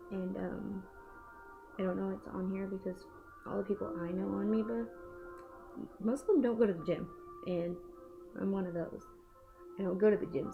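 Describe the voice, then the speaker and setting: A woman's voice: mid-range voice, gravelly. A young adult woman chatting casually to the camera in a rambling, informal, slangy way, as a vlogger answering questions. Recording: muffled home recording, faint background noise.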